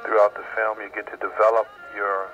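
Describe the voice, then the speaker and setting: A man's voice: lowish voice, completely flat delivery, fairly quick, dull audio, faint music behind. A man, a jazz musician and composer, speaking in an interview. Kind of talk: interview remarks.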